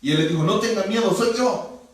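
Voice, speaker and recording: Lively high-voiced preacher in echoey hall. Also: male voice, fairly quick. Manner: animated preaching, acting out Bible dialogue. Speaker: pastor. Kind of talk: sermon. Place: church hall. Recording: echoey church hall, distant mic.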